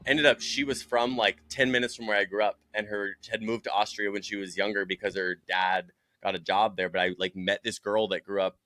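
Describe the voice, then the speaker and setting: Male coach guest from New Jersey, lowish voice, casual and animated, dry studio sound. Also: a little fast, few pauses, no room sound. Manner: animated storyteller, acts out quotes, says "like" a lot. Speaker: guest, distance running coach. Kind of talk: casual chat.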